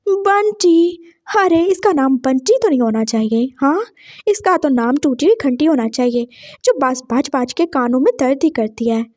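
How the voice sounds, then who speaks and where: A woman's voice: high voice, expressive, moderate pace, a little mellow, no room sound, studio quality. A woman doing a taunting cocky college guy. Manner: taunting, teasing. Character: mocking cocky young male college student.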